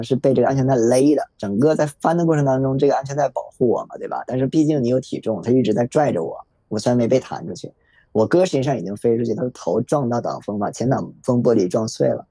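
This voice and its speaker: A man in his thirties telling a personal story in a reflective, halting way, with many fillers. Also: medium pitch, mellow, husky, no room sound. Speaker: podcast guest sharing a personal story. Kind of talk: emotional first-person storytelling. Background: faint background music.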